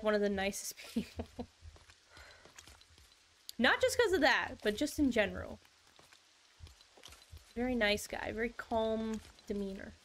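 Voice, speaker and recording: Bubbly young woman game streamer, slightly high voice. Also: slight background noise. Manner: bubbly and chatty, laughing often. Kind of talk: casual live-stream chat.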